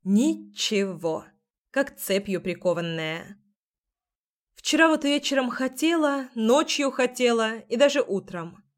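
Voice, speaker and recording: A feisty young woman with a sharp, indignant tongue, her voice climbing high, as the narrator plays her. She snaps back hard and will not be pushed around. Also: expressive, takes it slowly. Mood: angry.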